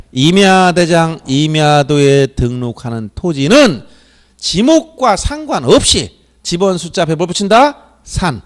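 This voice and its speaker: Animated man drilling a lecture class. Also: high-pitched. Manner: animated, drills students with repeated questions and answers. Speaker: exam prep lecturer.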